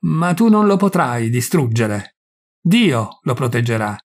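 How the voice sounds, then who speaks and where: A man reading aloud and voicing a proud high priest who answers calmly and defiantly. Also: a little slow.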